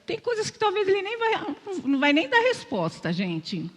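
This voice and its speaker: Speaking at a moderate pace with an extremely high pitch and huge swings in intonation, an older Brazilian woman gives a conversational church message full of personal testimony. She is a lay speaker in the sanctuary, which lends a big-room sound, and she pokes fun at herself while regularly checking in with those listening.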